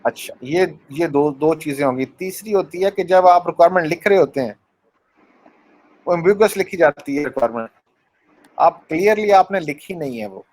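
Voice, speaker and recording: A university lecturer with a fairly high, slightly mellow voice speaks expressively at normal speed, acting out small scenes to make a point, questioning his students and slipping in English phrases. The audio quality is poor.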